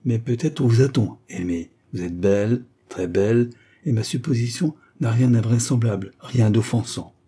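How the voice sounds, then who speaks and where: A man's voice: mid-range voice, normal speed, hardly any pauses, warm tone, husky, natural voice. A man voicing a young defense lawyer who questions his client patiently and coaxingly. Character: young male lawyer, probing, patient, gently persuasive.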